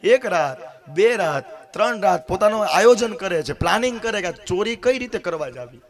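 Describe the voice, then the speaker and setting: High-voiced man telling a devotional story. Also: animated, normal speed. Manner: dramatic, acts out dialogue, addresses listeners directly. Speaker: katha storyteller.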